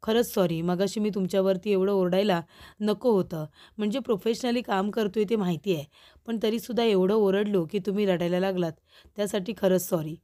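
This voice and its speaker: A young male boss from a family serial, earnest and formal with his employee, read out by a woman narrator. The voice stays mellow and soft-edged. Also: medium pitch, steady tone, fairly quick, natural voice. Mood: concerned. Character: angry young man, office boss.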